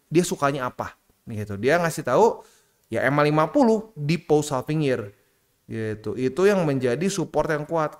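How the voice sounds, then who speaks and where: Man, casual market commentary, chatty and slangy, lively voice that jumps up when quoting others. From Indonesia. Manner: chatty, lively, acts out quoted people with jumps in pitch. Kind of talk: casual slangy chart analysis.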